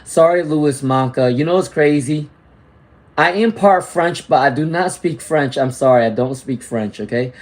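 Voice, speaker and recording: Here the tarot reader's voice is a little high and his pace moderate. He does live readings, reads out comments from viewers, welcomes chatters, and often checks in with "okay?" or "all right?"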